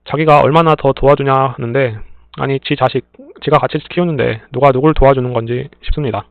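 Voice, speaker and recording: A man reading listener stories aloud in a plain, steady way, adding brief dry remarks between them. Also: mid-range voice, a little fast, vocal fry, no room sound. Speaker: story reader and channel host. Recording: tinny phone-like dry sound.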